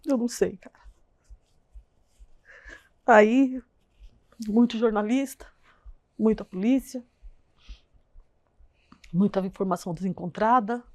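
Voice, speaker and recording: Halting woman, very dry sound. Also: mid-range voice, darkish tone, no echo. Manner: halting, retells dialogue, repeats herself. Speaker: interview guest. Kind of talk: emotional personal account.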